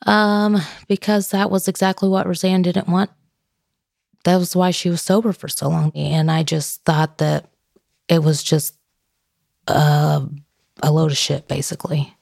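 A woman's voice: on the low side, flat delivery, unhurried, gravelly, a little mellow, dry recording, studio quality. A woman being interviewed, recounting things in a plain-spoken, informal, conversational way.

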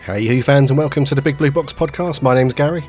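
A man hosting a casual podcast, his voice croaky and raspy from a head cold, a touch of man flu. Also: medium pitch, fast talker, loud music behind the voice. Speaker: podcast host.

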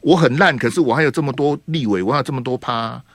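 A man hosting a call-in radio talk show, teasing and grilling his caller with rapid-fire questions. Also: medium pitch, fairly bright tone, no echo. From Taiwan.

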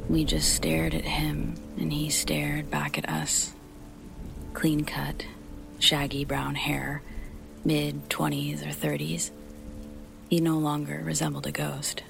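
A deep-voiced woman narrates a scripted first-person horror tale in a breathy, creaky near-whisper. Music and the sound of rain play behind her.

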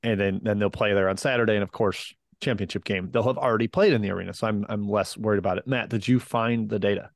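A man's voice: on the low side, fairly even intonation, quick pace, gravelly, few pauses, no room sound, studio quality. A man hosting a sports betting panel chat, talking casually and passing questions to colleagues. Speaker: podcast host.

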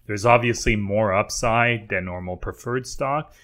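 Bright-voiced French Canadian man explaining. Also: lowish voice, a little slow. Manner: explanatory, with fillers and restarts. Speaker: podcast co-host. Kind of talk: casual podcast chat.

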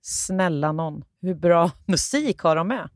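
A young adult podcast co-host in casual chat, animated, cursing casually and laughing. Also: medium pitch, dry recording, studio quality. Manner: animated, swears and laughs while talking.

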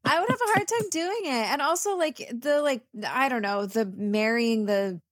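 A woman's voice: high-pitched, lively intonation, normal speed, dry recording, studio quality. A woman co-hosting a podcast in casual comedic chat, thinking aloud with hesitant restarts. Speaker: podcast co-host.

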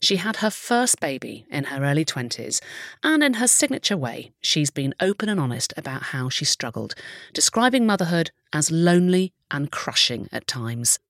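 A woman from the English Midlands hosting a podcast, expressive and teasing, moving between polished introductions and playful interview chat. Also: low-pitched, normal speed, no echo, studio quality. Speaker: podcast host.

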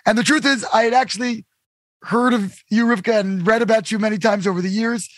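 A middle-aged man hosting a podcast interview, upbeat and quick to cheer his guest on with "amazing" and "incredible". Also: sits high, fairly even intonation, no echo, clean studio sound. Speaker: podcast host. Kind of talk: casual interview.

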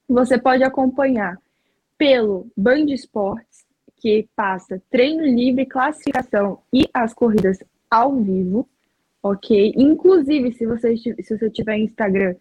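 A woman's voice: fairly high pitch, darkish tone, breathy edge, no echo, low-quality recording. A woman hosting a casual live stream, enthusiastic and dramatic, pleading and addressing viewers. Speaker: host.

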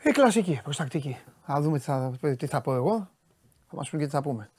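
Greek man, sports talk host, exasperated and rhetorical, very lively pitch, dry close sound. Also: husky, no room sound. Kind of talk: casual talk to viewers.

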